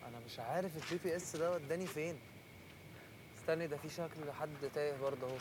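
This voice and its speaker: Easygoing fast-talking Egyptian man. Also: a little high, a crowd in the background. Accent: Egyptian Arabic. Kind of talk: comic sketch dialogue.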